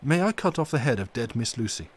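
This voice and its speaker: Man reading as stern old foreign professor, solemn, formal, halting, raised voice. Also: mid-range voice, big pitch swings, husky. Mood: grave. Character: elderly grave foreign male professor, stern yet tender.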